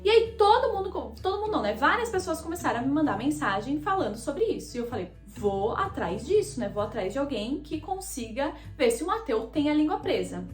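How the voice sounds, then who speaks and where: A young Brazilian woman vlogger with a Brazilian Portuguese accent tells her viewers a personal story in a chatty, confessional style, addressing them directly as "gente." Her high voice is sing-song and brisk with hardly any pauses. The room echoes, and soft music plays in the background.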